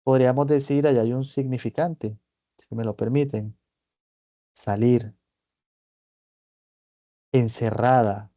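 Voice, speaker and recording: A man presenting a clinical case in a seminar, talking it through in a measured, reflective way and often checking in with his listeners. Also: mid-range voice, warm tone, no echo, dull audio. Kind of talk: seminar lecture, thinking aloud. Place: online meeting.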